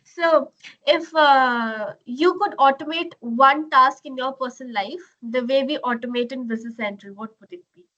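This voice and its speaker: A woman's voice: high-pitched, moderate pace, pushed and bright, highs cut off. A woman hosting a business webcast, asking questions in a playful, casual way and laughing often. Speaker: webcast host. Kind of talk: casual interview chat.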